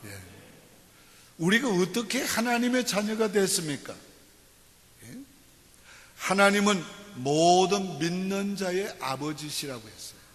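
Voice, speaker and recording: A male pastor preaching a sermon, asking the congregation questions and answering himself, dropping slow and low for scripture and prayer. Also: lively intonation, in a large hall. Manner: call-and-response preaching, repeated "예" and questions to the congregation. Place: church sanctuary.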